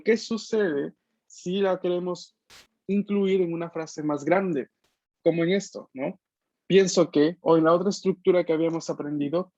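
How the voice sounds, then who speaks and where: A man with a fairly high voice teaches an online language class, explaining step by step and checking that everyone follows. The sound is dry and slightly dull, like a video call. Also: a little mellow, no room sound. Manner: patient, explanatory, checks understanding often.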